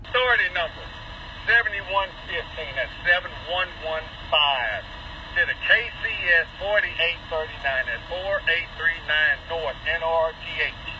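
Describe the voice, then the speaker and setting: Over a two-way radio, a man on a train crew methodically reads numbers back digit by digit in radio procedure talk. His voice is fairly high and unhurried, and the transmission is muffled with engine noise.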